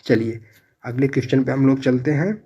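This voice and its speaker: A male tutor works through exam questions one at a time, reading out the options and then repeating each answer several times so it sticks. His voice sits at an ordinary middle pitch. The recording is a little dull and lo-fi. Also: fairly even intonation, a little fast, dark tone, slight background noise. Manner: addresses viewers as friends. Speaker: exam coaching teacher. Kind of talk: quiz-style exam prep lesson.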